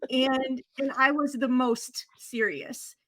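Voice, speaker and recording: A woman's voice: high voice, fairly even intonation, takes it slowly, fairly bright tone. A woman podcast host in casual conversation, telling a story in an earnest, heartfelt way.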